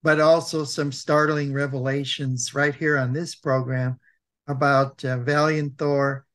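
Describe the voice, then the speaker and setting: An older American man co-hosts a web program, presenting informally and reading aloud with a thick, sore-throat voice and frequent throat clearing. His medium-pitched, fairly bright voice barely moves in pitch, and he's halting, hesitant, with many pauses and repeats.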